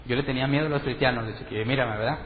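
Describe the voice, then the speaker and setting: Pastor preaching in a reverberant hall. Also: male voice, mid-range voice, rapid-fire, phone-quality sound, slight background noise. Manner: conversational, asks the congregation questions, acts out quotes. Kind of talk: sermon.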